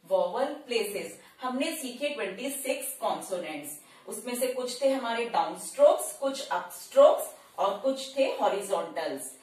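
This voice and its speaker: A woman teaching shorthand in a slow, step-by-step tutorial, repeating each sound and word carefully. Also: a little high, animated, a little mellow, distant mic. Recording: very echoey room, voice off-mic.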